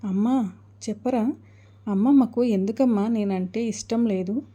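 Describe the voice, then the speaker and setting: A woman's voice: fairly high pitch, fairly even intonation, a little slow, mellow. A woman voicing a remorseful young daughter who pleads tearfully. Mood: pleading.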